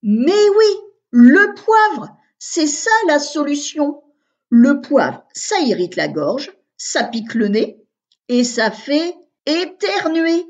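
Woman doing an excitable clever little boy. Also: high-pitched, slow pace, voice pushed up, full character voice. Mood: excited. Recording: dull lo-fi recording.

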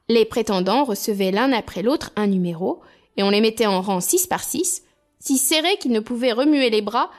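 Expressive woman reading a fairy tale. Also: fairly high pitch. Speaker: storyteller.

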